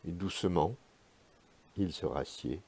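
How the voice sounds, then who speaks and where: A man reading his own literary prose aloud in a measured, hushed, spare way. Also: sits low, slightly rough.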